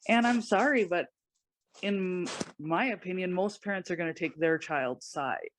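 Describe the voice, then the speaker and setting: Halting, soft-spoken woman guest. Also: on the low side, a little hiss or hum. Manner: halting, soft-spoken, many pauses and restarts. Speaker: podcast guest. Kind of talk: personal testimony in conversation.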